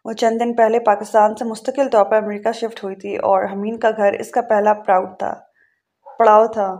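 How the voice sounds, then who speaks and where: A woman narrating a novel aloud in a calm, measured way, now and then correcting a word. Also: mid-range voice. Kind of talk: audiobook reading of a novel.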